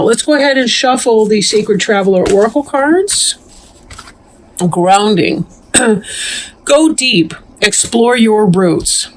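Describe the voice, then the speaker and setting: A woman giving a casual tarot reading to camera, chatty and meandering, clearing her throat often and a bit short of breath. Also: medium pitch, slight background noise. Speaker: tarot reader.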